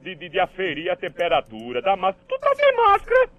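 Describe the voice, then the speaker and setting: A man playing a loud, excitable doorman with a Northeastern Brazilian accent in a radio comedy sketch, firing off quick exclamations and squealing "oxi" over and over. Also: high-pitched, lo-fi sound. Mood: bossy. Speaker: doorman character.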